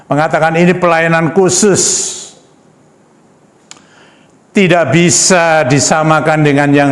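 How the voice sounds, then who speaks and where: Preacher man with a high, ringing voice. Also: echoey room. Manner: addresses the congregation as "Saudara" and asks rhetorical questions; reads verses aloud, then comments in an emphatic, conversational way. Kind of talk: sermon with scripture reading. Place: church hall.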